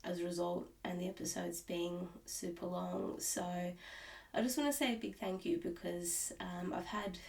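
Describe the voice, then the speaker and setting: Speaking indoors at home, she sounds congested as she recovers from being sick, rambling about cross-stitch with frequent fillers and restarts. This time her voice is lowish, steady and creaky, a little mellow, at normal speed and far from the microphone.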